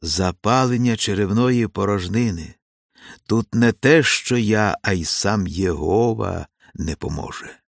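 A man voicing an old, resigned country doctor who speaks calmly and flatly, in an audiobook reading. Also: fairly low pitch, unhurried, vocal fry, no room sound, studio quality. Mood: weary. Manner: flat, unmoved, sighing.

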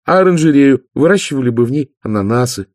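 A man voicing the youngest of three sisters, an eager, whiny young woman who rushes her words. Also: high-pitched, animated, a little mellow, dry recording, studio quality, voice pushed up. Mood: restless pleading. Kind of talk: audiobook character voice.

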